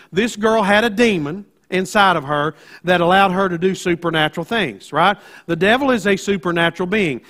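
A man's voice: high-pitched, a bit bright. A man with an Appalachian accent preaching a sermon as a pastor, in a folksy storytelling manner, often checking in with his listeners.

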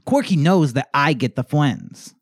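A man's voice: a little high, lively intonation, unhurried, no echo. Man doing a bragging four-year-old bully, lisping speech, dry close sound. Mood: smug. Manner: speech impediment, drawling.

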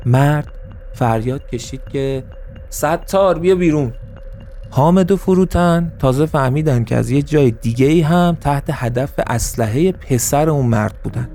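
Calm male storyteller, mellow voice. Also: medium pitch, vocal fry, few pauses, faint music behind. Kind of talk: scripted narration.

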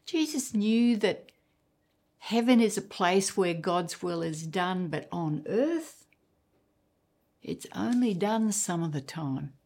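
A woman preacher delivering a sermon, emphatic, with dramatic pauses and repeated words. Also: mid-range voice, expressive, darkish tone.

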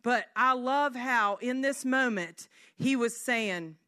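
Bright-voiced woman preaching. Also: a little high, slow pace. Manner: animated storytelling, often asking "right?". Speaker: speaker at a church service. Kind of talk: conversational sermon.

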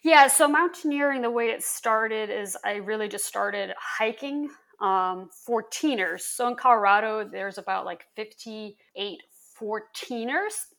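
A woman from Lithuania, a guest on a podcast, telling stories in a lively, animated, casual way. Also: fairly high pitch, unhurried, gravelly, hardly any pauses. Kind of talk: casual interview chat.

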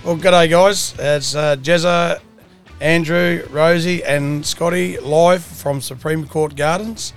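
A man's voice: fairly high pitch, fairly even intonation, slow pace, soft background music. A man with a broad Australian accent co-hosting a podcast in casual, matey, colloquial chat. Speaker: podcast host. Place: mobile podcast setup at an outdoor rally.

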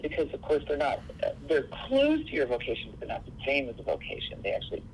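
A woman's voice: low-pitched, huge pitch swings, fast talker, gravelly, slight background noise, low-quality recording. A woman from Seattle, speaking as an interview guest in an earnest, reflective way. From Seattle, USA. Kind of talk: interview conversation.

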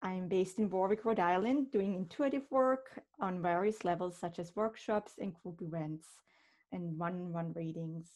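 A woman's voice: lowish voice, moderate pace, a little mellow. A woman from Switzerland hosting a podcast, telling stories in an earnest, reflective way. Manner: earnest, reflective storytelling with restarts. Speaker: podcast host, medium. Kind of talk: casual podcast talk.

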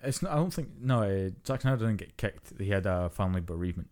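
A man's voice: deep voice, quick pace. A young man co-hosting a podcast, ranting casually and swearing freely as he chats. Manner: profane, ranting, animated. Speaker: podcast co-host. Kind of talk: casual chat.

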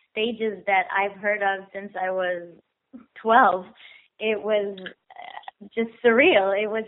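A young woman, heard over a telephone line as an interview guest, talking eagerly and often repeating words for emphasis. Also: mid-range voice. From Israel. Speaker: guest actress. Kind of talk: phone interview. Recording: tinny phone line.

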